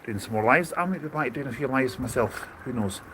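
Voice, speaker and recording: A man's voice: mid-range voice, animated, a little fast, background noise. Easygoing man chatting outdoors. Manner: easygoing, signs off to viewers. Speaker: host of a travel live stream. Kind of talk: casual live-stream chat outdoors.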